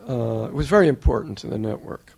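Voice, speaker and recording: Older guy, gravelly voice, earnest formal tribute, point by point. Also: mid-range voice, expressive, darkish tone. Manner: measured, earnest, lists points in order. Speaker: interviewer.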